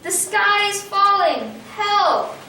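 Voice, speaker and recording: A woman voicing a panicky little female chick with shrill, frightened cries while reading a picture book aloud. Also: expressive, slow, bright, forceful tone, full character voice. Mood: panicked. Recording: very echoey room, far from mic, faint rumble.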